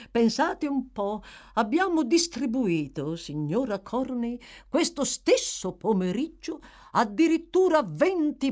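Woman doing a pompous middle-aged beadle, slow, indignant, high and swooping. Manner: pompous, indignant, drawn-out emphatic questions. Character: pompous self-important middle-aged male parish beadle. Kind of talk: audiobook reading.

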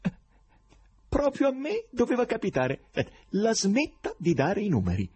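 A man's voice: high-pitched, huge pitch swings, a little slow, a little mellow, husky, voice pushed up, full character voice. A man voicing a confused, exasperated young male poet in a storybook reading. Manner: exasperated outbursts.

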